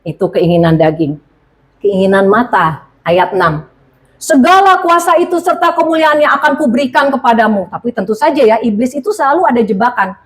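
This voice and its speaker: Woman, preacher, middle-aged, somewhat high voice, animated, conversational sermon. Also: brisk. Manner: animated, conversational, addresses the congregation directly. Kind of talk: sermon with personal testimony.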